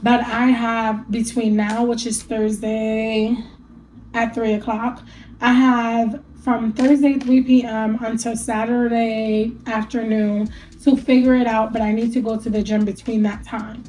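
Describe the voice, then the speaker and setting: Chatty woman vlogger, mellow voice. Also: fairly high pitch, little pitch movement, measured pace, slight background noise, low-quality recording. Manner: chatty, candid and encouraging, laughs often. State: allergies, a bit stuffy after a rough night. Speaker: vlogger sharing a weight loss journey. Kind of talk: casual talk to camera.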